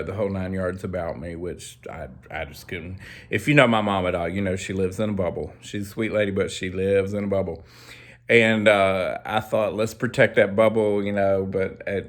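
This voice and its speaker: Southern man, low-pitched, rambling storyteller vlog, folksy asides. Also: a bit bright. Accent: Southern American. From Southern United States. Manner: rambling, chatty, with fillers and asides. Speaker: storyteller vlogger. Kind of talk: casual personal storytelling.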